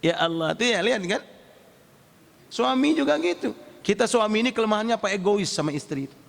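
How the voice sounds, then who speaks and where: Male preacher, high voice, lively storytelling sermon, long hall reverb. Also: a little fast, vocal fry. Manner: lively, acts out household dialogue. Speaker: Islamic preacher.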